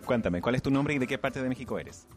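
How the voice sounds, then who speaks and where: Loud music fills the background as a man conducts a radio interview at an embassy's cultural celebration. His mid-range voice is animated and quick, and his polite questions come with small restarts.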